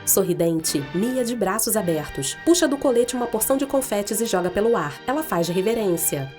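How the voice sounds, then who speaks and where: A woman's voice: medium pitch, animated, normal speed, a little mellow, soft background music. A woman reading scripted audio description as narration for a children's show.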